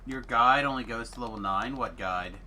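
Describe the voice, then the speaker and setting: A man's voice: mid-range voice, normal speed, pushed and bright, slight background noise. A man streaming a video game, chatting casually as he plays. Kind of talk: casual gameplay chat.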